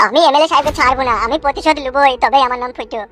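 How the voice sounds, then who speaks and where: A fiery young village man voiced by a woman in a comic cartoon. He rattles off crude, swearing rants at breakneck speed. The voice is bright and high for a man. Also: fairly even intonation, rapid-fire. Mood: vengeful. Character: hot-headed young village man vowing revenge.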